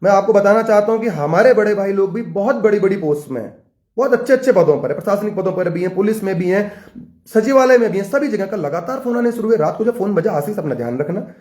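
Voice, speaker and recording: A young man speaking at a rapid clip, his voice pitched high as he drives his points home. He talks like a student leader giving a fiery political address, hammering the same phrases again and again. The sound rings off the walls of an echoey room. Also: lively intonation, darkish tone. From Uttarakhand, India. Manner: fiery, repetitive rallying rhetoric. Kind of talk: impassioned political address to camera.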